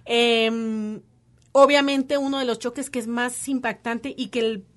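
A Colombian woman in her forties, telling her story in a lively way in an interview and quoting others in their voices. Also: on the high side, measured pace. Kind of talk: conversational interview.

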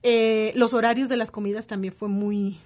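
A Colombian woman in her forties, telling her story in a lively way in an interview and quoting others in their voices. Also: fairly high pitch, normal speed. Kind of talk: conversational interview.

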